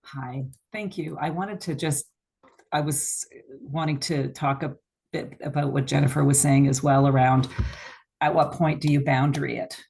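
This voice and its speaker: A woman who works as a mediator, asking a workshop question in a polite, deliberate way on a video call. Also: sits low, steady tone, creaky, darkish tone, breathy edge.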